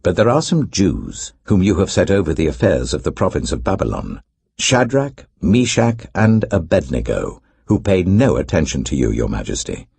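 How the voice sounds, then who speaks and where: Accusing court astrologer, acted by a man, British accent, formal, deferential, swooping pitch, mellow tone, scripture audiobook. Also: huge pitch swings, moderate pace, vocal fry, slightly rough, no echo, exaggerated voice. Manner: formal, insistent, denouncing.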